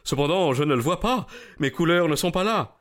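An actor playing a proud, agitated colonel who owns racehorses, excitable and stammering in French radio drama style. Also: male voice, on the high side, fairly quick. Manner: excitable, stammering when flustered.

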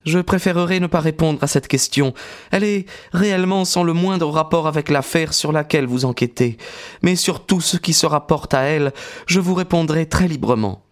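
A man voicing a dignified young woman, high and firm. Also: moderate pace, close to an everyday voice. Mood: guarded. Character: proud, composed young woman, grieving fiancée.

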